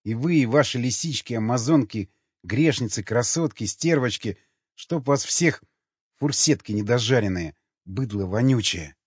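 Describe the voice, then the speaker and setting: A man's voice: mid-range voice, expressive, moderate pace, slightly rough, dry recording. Bitter young man in an audiobook, muttering hateful curses to himself, voiced by the reader; dry, dull sound. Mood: furious. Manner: spiteful, cursing muttering. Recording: dry, slightly dull recording.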